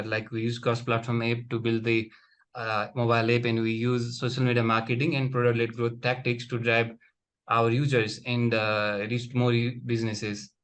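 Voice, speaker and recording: A young man, a startup founder, giving an earnest, matter-of-fact pitch and answering questions over a video call. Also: little pitch movement, moderate pace, fairly bright tone. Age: young adult.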